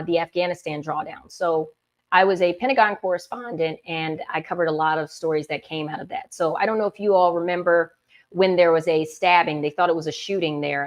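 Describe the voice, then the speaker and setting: A woman from the United States, a former military broadcast journalist, telling her life story as a guest on a live panel show and acting out the things people said to her. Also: fairly low pitch. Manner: animated storyteller who acts out quoted remarks.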